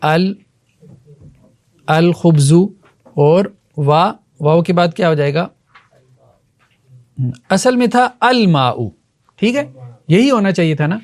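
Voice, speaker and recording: Male teacher, higher-pitched voice, patient explainer who repeats key terms and quizzes listeners. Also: pauses often. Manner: explanatory, asks the class questions. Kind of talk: Arabic grammar lesson.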